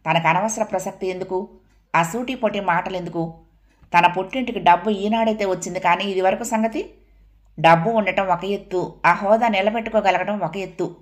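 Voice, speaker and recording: A woman reads a stern older mother of the house in an audio novel, her words firm and reproachful. The voice sits at an ordinary middle pitch. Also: normal speed, natural voice. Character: stern elderly mother scolding her son.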